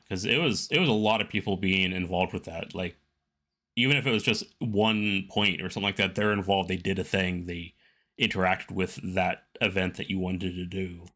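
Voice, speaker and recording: Bright, low-pitched man hosting a chat. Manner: informal, halting, thinking aloud. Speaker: interviewer, host. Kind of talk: casual conversational interview.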